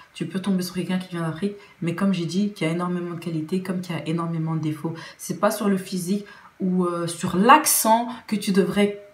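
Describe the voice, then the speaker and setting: A young Belgian woman with a Belgian French accent, talking earnestly in a casual opinion vlog, often restarting her sentences. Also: fairly low pitch. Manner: earnest, with many restarts and fillers. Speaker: vlogger. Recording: roomy echo.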